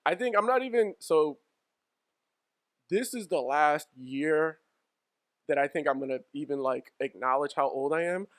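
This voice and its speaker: A man's voice: on the high side, unhurried, pauses often, fairly bright tone, dry recording. A man in his thirties co-hosting a podcast in casual chat, joking and slangy and laughing often. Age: 30s. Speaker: podcast co-host.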